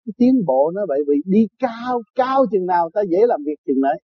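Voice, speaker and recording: An older man from Vietnam gives a loose, chatty spiritual talk, breaking into laughter and acting out other people's voices. His voice sits high and sounds husky. The recording is dull and dry. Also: very animated, a little fast, dry recording. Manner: storytelling, laughs often, acts out quoted voices. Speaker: spiritual teacher. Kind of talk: informal dharma talk.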